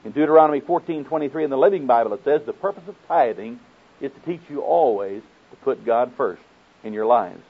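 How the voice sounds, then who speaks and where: A man's voice: medium pitch, expressive, a little fast, slightly rough. A man with an Oklahoma accent preaching a folksy sermon, quoting scripture and putting questions to his listeners. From Oklahoma, United States. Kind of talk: sermon teaching with scripture quotations. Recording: muffled, narrow phone-like sound.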